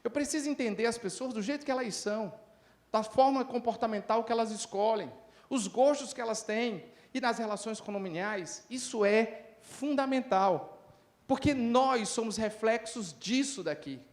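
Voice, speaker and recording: A middle-aged man giving a lively conference talk, telling stories and acting out the people in them. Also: extremely high pitch, normal speed. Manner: lively, acts out dialogue in different voices. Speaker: lecturer at a conference.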